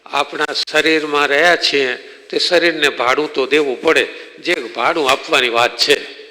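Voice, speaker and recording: A man voicing a plain-living male devotee who reasons calmly, quoted in a sermon. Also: a little high, normal speed. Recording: long reverb in a temple hall.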